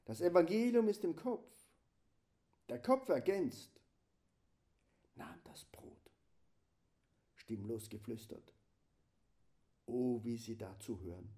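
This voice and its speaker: A man delivering a slow, solemn spiritual meditation, often sinking into a hushed whisper. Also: mid-range voice, animated. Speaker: preacher.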